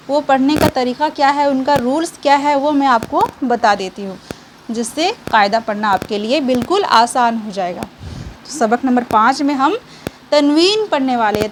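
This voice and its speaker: Patient high-voiced woman teaching reading. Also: a little hiss or hum. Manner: patient, repeats questions and answers for learners; reassuring, checks in with frequent okays. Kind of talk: step-by-step online lesson.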